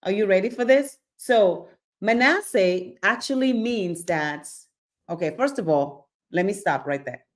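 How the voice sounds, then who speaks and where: Here a woman from Nigeria teaches from the Bible in a preaching style, her medium-pitched voice moving a little slowly. She stays animated throughout, asking rhetorical questions, dramatizing little scenes, and repeatedly checking in with "okay?".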